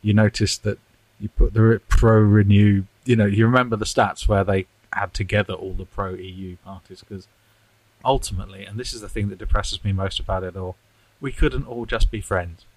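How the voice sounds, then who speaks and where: A man's voice: fairly low pitch, fairly even intonation, normal speed, darkish tone, low-quality recording. A man co-hosting a podcast, talking in a rambling, self-deprecating way and chuckling often. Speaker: podcast co-host. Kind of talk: casual political chat.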